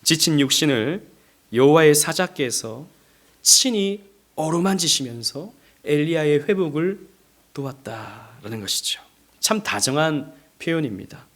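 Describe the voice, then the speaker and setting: A middle-aged man from South Korea delivers a Sunday sermon from the pulpit of a church. His voice sits a little high for a man, and he moves from soft, tender phrasing to strong, emphatic stresses, sometimes acting out the lines he quotes. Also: lively intonation, measured pace. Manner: gentle, rising to emphatic, acts out quoted speech. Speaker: pastor. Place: church sanctuary.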